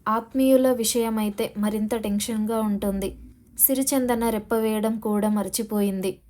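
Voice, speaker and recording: Female audiobook narrator, warm mellow voice, steady and dramatic reading. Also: medium pitch, normal speed. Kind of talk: scripted novel narration.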